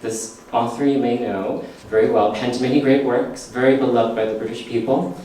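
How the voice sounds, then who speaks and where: Man hosting a live stage show, playful and laughing, boomy theater echo, heard from a distant mic. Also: fairly even intonation, moderate pace, warm tone, slight background noise. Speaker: comedy science show host. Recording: echoey theater from far off.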